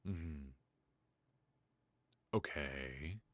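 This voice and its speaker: A voice actor with a very deep voice performs a noir ASMR roleplay as a brilliant, ruthless mafia boss who is possessive yet protective. Murmuring into a close, dry studio mic in a full character voice, he delivers an intimate dramatic monologue with hesitant pauses, quiet menace and a mood of coaxing concern.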